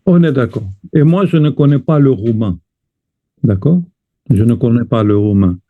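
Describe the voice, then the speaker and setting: A man teaching a chant lesson, explaining slowly and carefully and breaking off to sing short chant phrases. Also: mid-range voice. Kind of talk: teaching lesson with sung examples. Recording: tinny phone-like sound.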